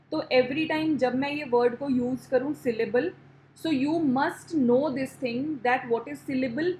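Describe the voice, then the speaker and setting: A woman's voice: high voice, darkish tone, echoey room, a little hiss or hum, low-quality recording. A woman with an Indian accent teaching an online pronunciation class, switching between Hindi and English and answering her own questions.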